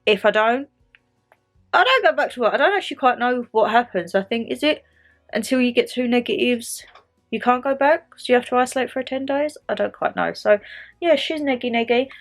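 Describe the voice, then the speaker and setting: A young woman with a somewhat high, expressive voice vlogs from home at a brisk pace, chatting casually to camera, rambling a little and repeating phrases. She's bunged up with a cold, so she sounds slightly nasal and stuffy, and soft music plays in the background.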